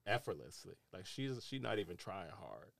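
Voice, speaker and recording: A man co-hosting a casual podcast, telling stories in an animated way. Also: deep voice, moderate pace, gravelly, no echo, studio quality. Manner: animated storyteller. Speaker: podcast co-host. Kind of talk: casual chat.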